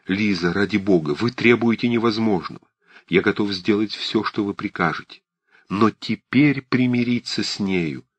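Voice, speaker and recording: A heartbroken nobleman pleads with passion, voiced by a man reading the book. The voice is deep and a little husky. The recording is close and dry. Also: moderate pace, no echo. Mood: impassioned. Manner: impassioned, pleading.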